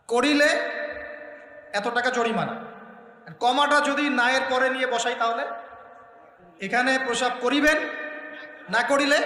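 A man's voice: very high-pitched, pushed and bright. A man preaching a sermon to a live audience, emphatic and full of rhetorical questions and repeated lists. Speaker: Islamic preacher. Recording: echoey hall with long reverb.

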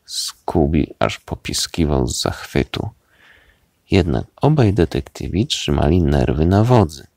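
A man reading a children's bedtime story aloud in a slow, expressive way. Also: extremely low pitch, vocal fry, no echo, studio quality.

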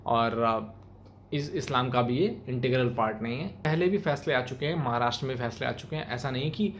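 Brisk and mid-range in voice, this young channel host and video commentator has an Indian accent. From a small plain indoor room, he offers forceful, colloquial opinion commentary to the camera. Room noise is clearly present.

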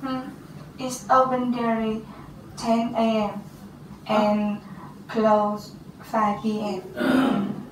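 A teenage girl with a Vietnamese accent taking an English speaking test, halting and hesitant with restarts. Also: fairly high pitch, level tone, a little hiss or hum. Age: teens. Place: small classroom office, indoors. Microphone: far camera. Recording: roomy, distant camera sound.

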